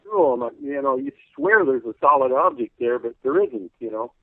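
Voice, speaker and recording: A man calling in as a radio guest, rambling folksily with lots of "you know," clearing his throat as his voice wears out. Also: medium pitch, huge pitch swings, normal speed, dry recording. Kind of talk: casual call-in radio interview. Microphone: telephone. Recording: tinny phone line.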